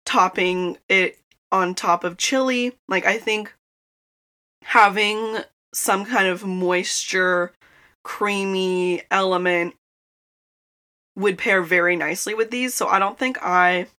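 Young woman podcast host, bright tone, loose chatty delivery with frequent laughs, recorded inside a closet. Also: mid-range voice, slow. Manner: chatty and rambling, laughs often. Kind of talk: casual chat. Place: inside a small closet in a childhood bedroom.

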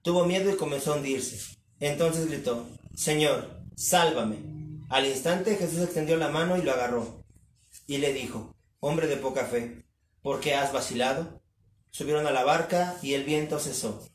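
A man reads scripture aloud at a steady, measured pace, his voice a little high. He sounds far from the mic, with echo all around and a faint noise underneath. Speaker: scripture reader. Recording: distant, echoey, faint noise.

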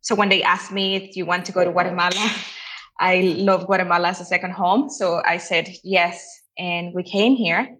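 A woman's voice: lowish voice, steady tone, normal speed, a bit bright. A woman from El Salvador, a guest in a casual interview, chatting with many "you know" fillers.

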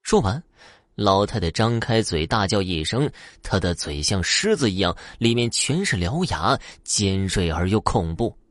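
Low-voiced male ghost-story narrator. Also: very animated, unhurried, a bit bright, no room sound.

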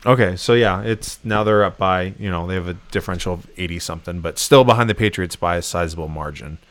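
A man hosting a sports podcast in casual, animated chat, laughing often. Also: low voice, quick pace. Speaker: podcast host.

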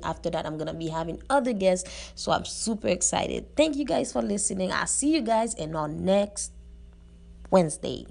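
Warm and mid-range with some vocal fry, this voice comes from a podcast host in her twenties. Talking alone, she's chatty and casual, her grammar loose and her points repeated, and background noise runs through the recording.

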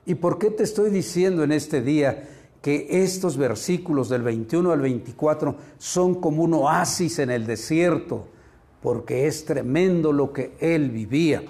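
A male pastor preaching in a church, talking slowly and unhurried. His voice is fairly high yet dark and mellow in tone. He keeps asking his listeners questions and grows more fervent as he goes. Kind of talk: sermon.

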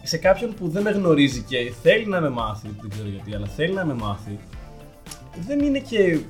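Young male co-host, chatty and self-mocking, mid pitch, light music bed. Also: expressive. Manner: joking, rambling, self-mocking. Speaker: podcast co-host. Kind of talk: casual chat.

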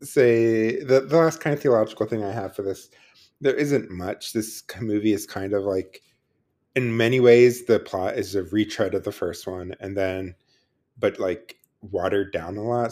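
A man's voice: lowish voice, darkish tone. A man co-hosting a podcast in casual chat, thoughtful and talky, with dry sarcastic asides. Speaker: podcast co-host.

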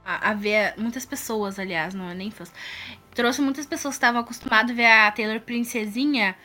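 A woman's voice: on the high side, a little fast, sharp tone, soft background music. A woman with a Brazilian accent hosting a podcast in casual chat, effusive and enthusiastic. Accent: Brazilian Portuguese. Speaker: podcast host.

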